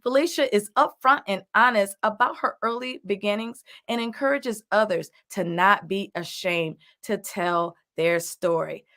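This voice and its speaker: An upbeat woman in her late thirties hosts a live video chat, quick to cheer her guests on. Her voice sits at an ordinary middle pitch for a woman, and she talks in a casual, encouraging way. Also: fairly bright tone. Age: 30s. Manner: upbeat, affirming, repeats "I love it". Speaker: host.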